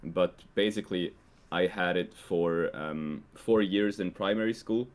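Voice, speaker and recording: Young guy, really low voice, laid back, lots of likes and ums. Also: a little slow. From Switzerland. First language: Swiss German. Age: young adult. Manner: relaxed, hesitant, heavy use of "like" and "um". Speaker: guest. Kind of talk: casual conversation.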